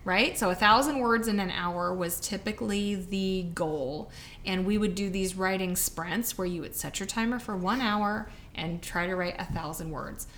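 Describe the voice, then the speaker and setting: A woman's voice: medium pitch, normal speed, a bit bright, slight background noise. A woman co-hosting a podcast, giving writing advice in a frank, punchy, casual chat. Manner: candid, punchy, laughing. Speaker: podcast co-host, author.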